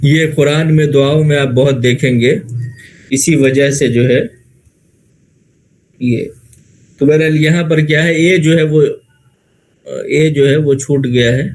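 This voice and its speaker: A man with an Indian Urdu accent gives a grammar lecture, calm and methodical. He rephrases each term several times and poses questions he then answers himself. His voice sits at an ordinary middle pitch for a man. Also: a little hiss or hum, poor audio. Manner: patient, repeats and rephrases terms, asks and answers own questions. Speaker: Arabic grammar teacher.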